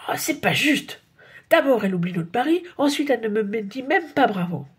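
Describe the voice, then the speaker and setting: Lady doing a little kid boy, excited n breathless, husky high voice, audiobook. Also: fairly quick. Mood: whispering.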